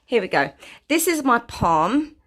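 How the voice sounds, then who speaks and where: A woman's voice: a little high, big pitch swings, measured pace, a bit bright. A woman chatting casually through a home vlog, self-deprecating and full of fillers. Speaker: vlogger. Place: home, indoors.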